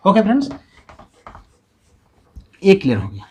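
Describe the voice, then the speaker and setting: A man teaching a grammar lesson step by step. He sounds out syllables slowly and keeps checking in with the class. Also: high-pitched, huge pitch swings, dark tone, breathy edge. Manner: explains step by step, often checks in with "है ना" and "ठीक है". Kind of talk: classroom-style video lesson.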